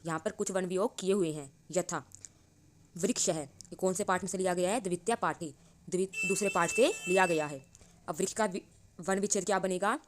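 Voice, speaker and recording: A woman teaching a grammar lesson, asking questions and answering them herself, drawing out each syllable as she reads it. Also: lowish voice. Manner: slow, drawn-out reading of syllables. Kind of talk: Sanskrit grammar lesson explained in Hindi.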